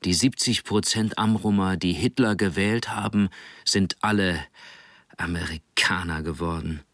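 A man's voice: low voice, measured pace, fairly bright tone, no room sound, studio quality. A man voicing a stern, proud mother in an audiobook, with a raised, firm and clipped voice. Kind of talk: audiobook character reading.

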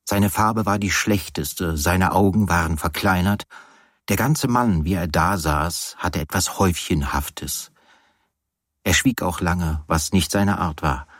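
Deep husky male audiobook narrator. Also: measured pace, fairly bright tone, no echo, clean studio sound.

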